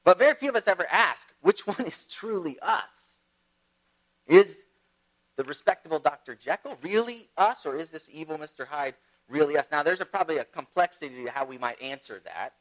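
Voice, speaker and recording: A man delivering a sermon, his voice riding up and down with lively pitch. He tells stories with big swings between loud, emphatic bursts and hushed, low asides. His voice sits a little higher than most men's. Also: normal speed, poor audio. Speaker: pastor.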